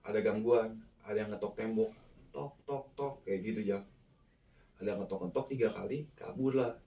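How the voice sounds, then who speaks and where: A man telling a ghost story in a casual, animated way, acting out the people in it. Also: a little fast. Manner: animated, acts out the quoted people with sharp jumps in pitch. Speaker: guest storyteller. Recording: roomy, mic far off.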